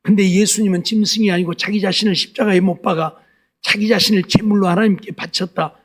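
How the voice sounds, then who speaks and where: Male pastor with a high voice, preaching with folksy, question-heavy exhortation. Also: fairly even intonation, a little fast. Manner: folksy, exhorting, with constant rhetorical questions to the congregation. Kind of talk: Sunday sermon.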